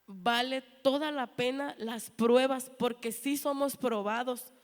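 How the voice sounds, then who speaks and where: A woman in her thirties tells her testimony to a church, earnest and storytelling, acting out the voices of the people she quotes. Her voice sits a little high. It rings with the long reverb of a large hall. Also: slow pace. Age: 30s. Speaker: church member giving testimony.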